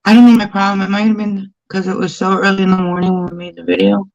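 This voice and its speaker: A woman's voice: medium pitch, level tone, fast talker, creaky, a little mellow, no room sound, lo-fi sound. A woman in her forties chatting casually on a livestream, talkative and poking fun at herself. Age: 40s. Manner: talkative, self-deprecating.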